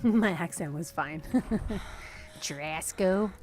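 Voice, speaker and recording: A woman's voice: medium pitch, animated, takes it slowly, darkish tone, soft background music. A woman streamer casually chatting through a game, laughing and thinking aloud to her viewers. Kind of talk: casual gameplay commentary to chat.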